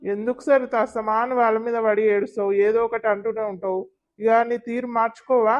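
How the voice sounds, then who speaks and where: A woman's voice: a little high, steady tone, a little fast, lightly acted. A woman voicing a stern young village husband, lecturing his wife reproachfully. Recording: slightly dull lo-fi sound.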